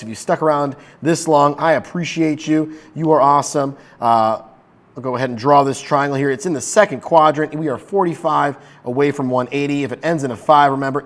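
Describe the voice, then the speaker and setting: A man's voice: medium pitch, a bit bright. A man teaching a math lesson in a casual, upbeat way, talking straight to his viewers. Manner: upbeat, chatty, talks to viewers directly.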